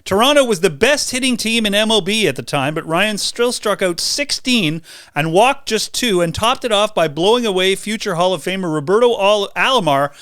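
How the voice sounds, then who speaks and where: A man's voice: high-pitched, lively intonation, normal speed, a bit bright, smooth, no echo, studio quality. A man co-hosting a casual sports podcast, reading sports trivia and joking around with his co-hosts. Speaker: podcast co-host.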